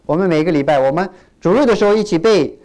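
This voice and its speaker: Lively pastor preaching with rhetorical questions. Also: medium pitch, fast talker. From China. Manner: animated, asks the congregation questions and acts out quoted churchgoers. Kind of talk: sermon.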